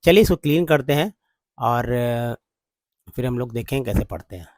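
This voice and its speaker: A man teaching English spelling and pronunciation, slowly sounding out each letter and repeating words many times. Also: medium pitch, lively intonation, darkish tone, dry recording.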